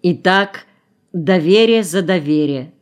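A woman reading an audiobook voices a composed, stern grown man who speaks in a measured, authoritative way. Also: fairly low pitch, clear, resonant tone. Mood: calm firm.

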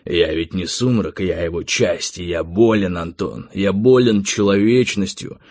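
A man voicing a calm, weary male tiger spirit who speaks gravely and matter-of-factly in an audiobook. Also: low-pitched, unhurried, no echo, studio quality. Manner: quiet, grave, matter-of-fact. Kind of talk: audiobook character reading.

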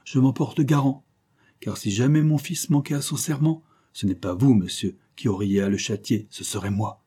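A man's voice: mid-range voice, normal speed, mellow, slightly rough, lightly acted. A man voicing a proud old father in a storybook reading, firm and grave. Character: proud old father vouching for his son.

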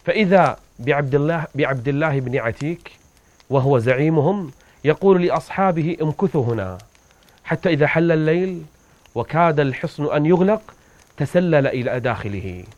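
A man delivers a religious lecture as a gripping, dramatic story. His voice sits a little high for a man, and the recording is dry and close. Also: expressive, fairly quick, darkish tone, no room sound, muffled recording. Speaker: preacher.

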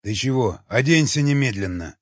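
A man reading an audiobook, voicing a cynical, mocking cannibal who teases and calmly questions. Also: medium pitch, moderate pace, no echo, natural voice. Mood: cool questioning. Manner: sardonic, teasing, calmly questioning. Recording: dull lo-fi recording.

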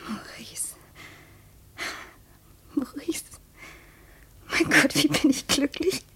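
An actress playing an anxious, fragile widow in a 1950s radio drama, speaking in a breathy voice that often drops to a whisper. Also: female voice, sits high, lively intonation, normal speed. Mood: emotional.

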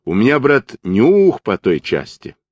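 A man voicing a cocky curly-haired young male partisan who mumbles gossip in a quick patter, in an audiobook. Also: huge pitch swings, dry recording, muffled recording. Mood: sly gossiping. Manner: mumbling patter, rising to shrill shouts.

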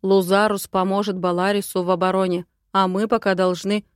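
A woman's voice: mid-range voice, little pitch movement, a little fast, clean tone, no echo, studio quality, close to an everyday voice. A woman voicing a commanding, cool male dragon prince who speaks in a steely, firm voice. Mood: urgent.

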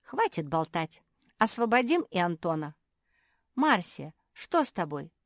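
A woman voicing an impulsive young female dog, a schoolgirl, in a storybook reading, speaking eagerly and briskly. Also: lowish voice, big pitch swings, no echo, clean studio sound.

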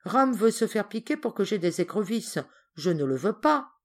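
A woman voicing a gentle, soft-hearted little girl who speaks earnestly and pleads. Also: medium pitch, big pitch swings, normal speed. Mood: pleading.

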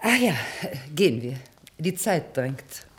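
Princess, all courtly and condescending, lively sing-song voice, hissy old radio play, sounds a bit off-mic. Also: female voice, low voice, slow, full character voice. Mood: gracious. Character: gracious imperial princess visiting wounded soldiers. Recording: noisy 1960s radio play, voice heard from afar.

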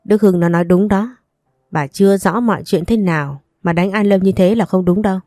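Woman reading as a calm grandfather. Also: mid-range voice, a little fast, no room sound, studio quality, soft background music, lightly acted. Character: calm older man, reassuring grandfather.

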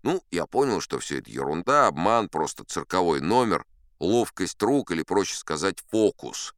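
An audiobook performer voices a boastful old sea captain, spinning tall tales in the first person with folksy, self-assured, conversational flair and a self-satisfied mood. His low-pitched voice has a sing-song quality at a normal speed, in studio-quality sound with no echo.

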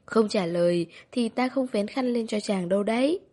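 A woman voicing a playful young bride who softly teases her new husband in an audiobook romance. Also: a little high, moderate pace, natural voice. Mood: teasing. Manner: soft teasing murmur.

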